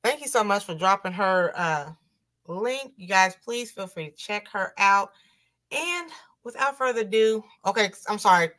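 A woman's voice: medium pitch, expressive, moderate pace, a bit bright. A woman hosting a casual livestream chat, reading viewer comments aloud and laughing often. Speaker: livestream host.

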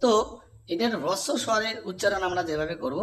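A man teaching a pronunciation lesson, repeating each vowel sound slowly and asking the class to say it back. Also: high-pitched, a bit bright, slight background noise. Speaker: Sanskrit teacher.

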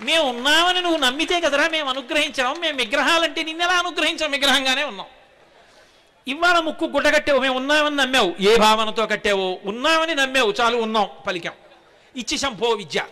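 A man's voice: high-pitched, animated, fast, exaggerated voice. A man voicing two gods chiding a devotee. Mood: fond scolding. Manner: loud, emphatic, teasing.

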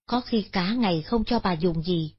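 A woman narrating a Buddhist moral story in a steady, solemn manner. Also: on the low side, moderate pace, slightly rough. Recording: dull lo-fi recording.

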